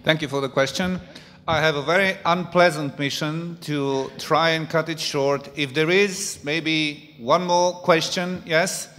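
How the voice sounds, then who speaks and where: A man chairing a panel discussion, handing the floor over in a brisk, polite way. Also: on the high side, fairly even intonation, fairly bright tone. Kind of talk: moderating a panel. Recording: long reverb of a large hall.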